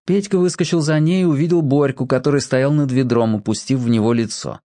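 A narrator giving an expressive storybook reading. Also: mid-range voice, fairly quick, dry recording, studio quality.

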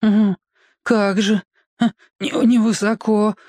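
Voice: medium pitch, lively intonation, measured pace, a little mellow, dry recording, clean studio sound, voice pushed up. A storyteller voicing a small, cautious boy who stammers when flustered. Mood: muttering.

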